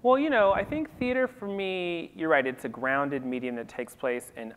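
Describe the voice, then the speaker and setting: A man speaking on a festival panel about theater, thinking aloud in an animated way with lots of "you know"s. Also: on the high side, moderate pace, clear, resonant tone. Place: festival event hall. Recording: reverberant hall.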